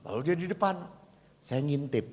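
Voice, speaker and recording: Animated high-voiced priest in a reverberant hall. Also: male voice, moderate pace. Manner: lively storyteller who acts out dialogue. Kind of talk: humorous retreat sermon.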